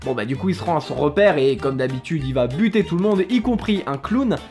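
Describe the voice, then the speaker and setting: A man's voice: fairly high pitch, expressive, fairly quick, a little mellow, faint music behind. A man hosting a video, telling a story in a casual, jokey commentary style with offhand swearing. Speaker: YouTube host.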